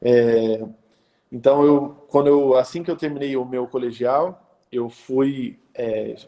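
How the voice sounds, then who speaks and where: With a warm tone at medium pitch, a thirtysomething man from the São Paulo interior in Brazil addresses a live stream as a pastor. He keeps things casual, hesitating often and tacking on tag questions.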